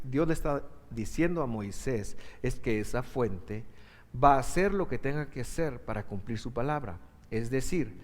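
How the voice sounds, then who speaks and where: A male pastor preaching a sermon emphatically, with sudden surges in pitch and loudness. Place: church. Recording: echoey hall reverb.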